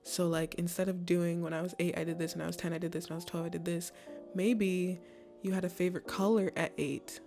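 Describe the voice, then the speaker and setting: Chatty young woman with a gravelly low voice. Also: flat delivery, fairly quick, mellow, soft background music. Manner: chatty, many "like"s and restarts. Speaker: college essay advice vlogger. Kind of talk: casual advice talk to camera.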